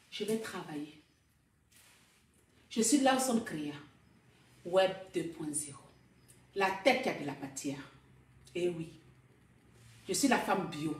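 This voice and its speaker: A woman's voice: mid-range voice, recorded from a distance. A woman content creator delivering a proud, declamatory vlog rant and repeating her slogans. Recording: roomy echo, voice off-mic.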